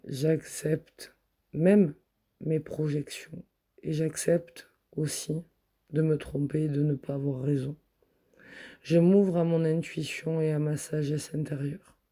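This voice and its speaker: A man leads a guided meditation, calmly repeating affirmations. His voice is dark, breathy and mellow, and it stays flat and even. He speaks slowly and softly. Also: fairly high pitch. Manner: slow, soft, repetitive affirmations.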